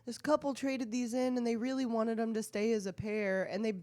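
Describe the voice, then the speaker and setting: A woman's voice: fairly high pitch, flat delivery, darkish tone. Teasing woman chatting on a podcast. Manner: teasing, quick-witted remarks. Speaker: podcast co-host. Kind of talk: casual chat.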